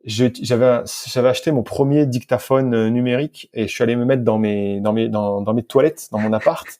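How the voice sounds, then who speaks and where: In a brisk, steady, dark voice of medium pitch, a French podcast guest shares casual interview stories about being a sports scientist and physical coach. His informal speech features repeated words and moments where he corrects himself.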